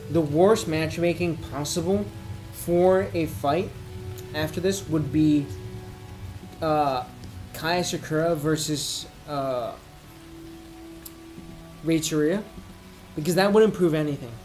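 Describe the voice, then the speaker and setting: Tipsy man rambling, higher-pitched voice. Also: darkish tone, faint music behind, rough recording. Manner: drinking while ranting, tipsy rambling; halting, thinking aloud. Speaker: MMA commentator giving opinions. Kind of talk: casual off-the-cuff rant.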